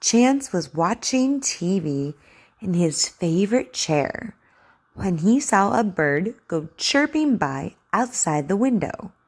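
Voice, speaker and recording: An encouraging woman teacher gives a read-aloud lesson for children. She speaks slowly and over-enunciates, setting each word out deliberately. Her pitch moves in lively swings. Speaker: speech articulation teacher.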